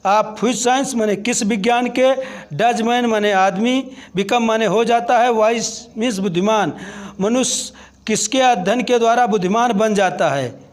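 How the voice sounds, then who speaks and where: Male teacher, high voice, unhurried word-by-word glossing for school pupils. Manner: slow, deliberate word-by-word glossing. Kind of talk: word-by-word translation lesson.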